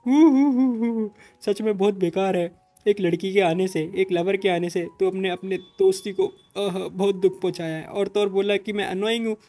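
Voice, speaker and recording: A man's voice: sits high, fairly even intonation, normal speed, warm tone, pitched above the performer's own voice. A man doing a whiny, wailing young guy. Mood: indignant whining. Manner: over-the-top, wailing, mocking. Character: whiny dramatic young male friend.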